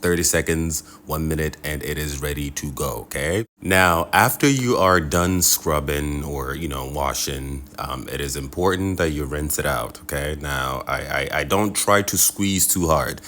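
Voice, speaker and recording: A man with a very deep, bright voice chats to his viewers like a travel vlogger. His delivery is colloquial and animated, often checking in with the listener. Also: unhurried, hardly any pauses, slight background noise. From Nigeria. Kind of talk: casual vlog talk to viewers.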